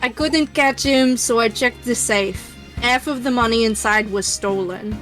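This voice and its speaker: A woman's voice: on the high side, a little slow, a bit bright, soft background music. A woman voicing a maid witness in a game with a wobbly put-on French accent that drifts between accents. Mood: mock-formal.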